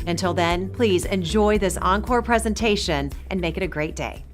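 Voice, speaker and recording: A woman's voice: on the low side, normal speed, faint music behind. A woman hosting, reading a friendly scripted introduction to a rerun episode. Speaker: host.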